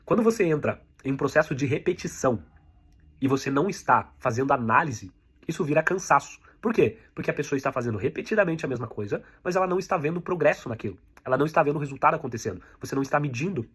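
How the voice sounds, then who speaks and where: Man, Brazilian Portuguese accent, sales instructor, rapid delivery, husky voice, direct repetitive coaching. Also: on the high side, animated. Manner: direct, repetitive coaching, addresses the viewer as you. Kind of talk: online sales lesson.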